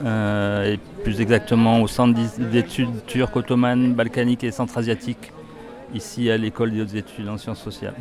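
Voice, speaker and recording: A man in his fifties, a research scientist, answering a street interview outdoors in a measured, deliberate way with frequent restarts. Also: mid-range voice, darkish tone. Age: 50s.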